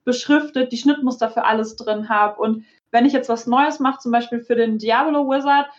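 A woman's voice: fairly high pitch, steady tone, moderate pace. A woman casually explaining her craft as a panelist, on a slightly dull recording. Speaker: panelist, costume maker.

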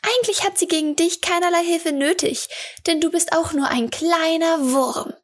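A woman's voice: very high-pitched, moderate pace, voice pushed up. A woman voicing a cheeky masked girl. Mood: taunting.

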